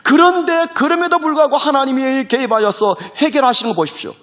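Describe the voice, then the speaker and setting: A man preaching a sermon as pastor, animated, asking rhetorical questions and acting out the voices he quotes. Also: very high voice, quick pace. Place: recorded for a military online worship service.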